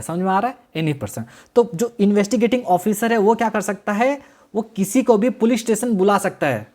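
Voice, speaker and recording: Guy teaching law, says terms slow for notes and keeps asking the class to repeat. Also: high-pitched, a little mellow. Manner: repeats key terms slowly for dictation, quizzes students; mixes Hindi with English legal terms. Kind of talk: classroom-style lecture.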